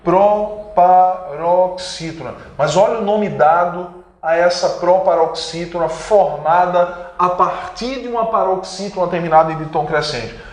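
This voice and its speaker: At normal speed and in an echoey room, a high-sitting male voice with a Brazilian accent teaches grammar online to exam candidates. Emphatic throughout, he lengthens key words and supplies answers to his own questions.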